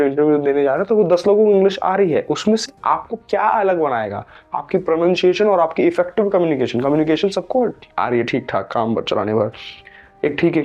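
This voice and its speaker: A man's voice: fairly high pitch, darkish tone. A young man with an Indian English accent teaching a pronunciation lesson, patiently explaining and repeating example words, stretching them out.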